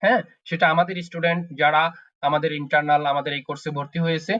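A man teaching a German class online, repeating each word slowly for his students. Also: a little high, fairly even intonation, a bit bright. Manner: slow, repetitive drilling of words. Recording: dull lo-fi online call audio.

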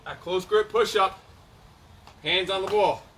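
A man working as a fitness coach, calling out short, commanding exercise cues like an energetic aerobics instructor, outdoors. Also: sits high, measured pace, slight background noise. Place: outdoor backyard gym patio. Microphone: camera a few metres away.

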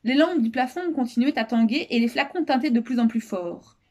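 A woman reading a children's novel aloud as a storyteller, expressive and lively, raising her voice for the characters' shouted lines. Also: brisk. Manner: expressive, raises pitch for shouted quotes.

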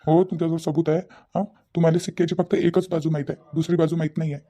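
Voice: medium pitch, level tone, quick pace, dark tone, soft background music, natural voice. A performer voicing a nervous young village man in a cartoon, pleading. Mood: defensive. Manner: pleading, defensive.

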